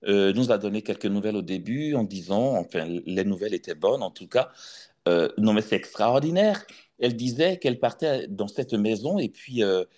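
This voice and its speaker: A man preaching a sermon in French, telling a deliverance story in a measured, hesitant way and then rising into emphatic preaching. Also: mid-range voice, darkish tone. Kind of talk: sermon with personal testimony.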